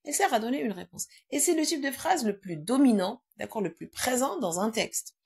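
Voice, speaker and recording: A woman's voice: a little high, expressive, a little fast, creaky, darkish tone, breathy edge. A woman teaching a grammar lesson in a classroom, quizzing her pupils and repeating their answers.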